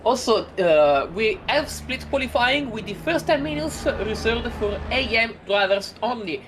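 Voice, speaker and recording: A woman with an Italian accent delivers chatty live play-by-play of a sim race, full of fillers and restarts, over loud racing car engines from the game. Her voice is a little high, expressive, and unhurried.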